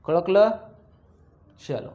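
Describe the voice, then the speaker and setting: A man teaching accounts to a classroom, firing quick questions at his students and teasing them as he drills each step. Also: sits high, animated, lo-fi sound. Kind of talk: classroom lecture.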